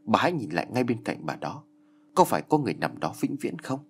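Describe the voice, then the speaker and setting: A man voicing a calm, stern old boatman who accuses the guilty in a storybook reading. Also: lowish voice, fast talker, slight background noise.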